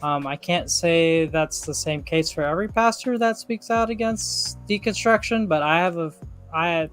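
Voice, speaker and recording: A man's voice: fairly high pitch, normal speed, a bit bright, soft background music. A man co-hosting a podcast, giving casual, encouraging advice with many "um"s. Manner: easygoing, filler-heavy, encouraging. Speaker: co-host.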